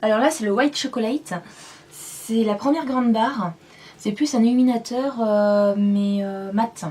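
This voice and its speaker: A woman's voice: fairly high pitch, measured pace, a little mellow. A woman vlogger chatting casually as she reviews and swatches makeup at home, in a rambling, self-deprecating way. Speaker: beauty vlogger. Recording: voice a bit far from the mic.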